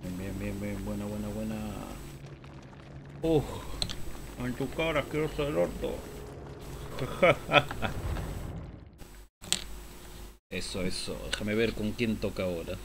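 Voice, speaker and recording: A man with an Argentine accent streams a game in casual chat, excitable, swearing playfully and repeating words. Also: lowish voice, slow, pauses often, noisy background. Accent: Argentine Spanish. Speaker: gaming streamer. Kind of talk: casual live gameplay chat.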